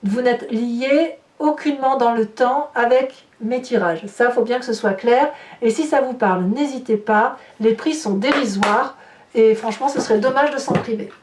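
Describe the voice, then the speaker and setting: A woman's voice: on the high side, moderate pace, a little mellow, a little hiss or hum. A woman giving a chatty, reassuring tarot reading, often restarting her phrases. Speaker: tarot reader. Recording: echoey room, voice from a distance.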